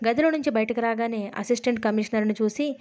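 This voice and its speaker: A woman's voice: a little high, fast talker. A woman reading a detective novel aloud, steadily, in a storybook manner. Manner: steady storybook reading, dialogue read with little change of voice.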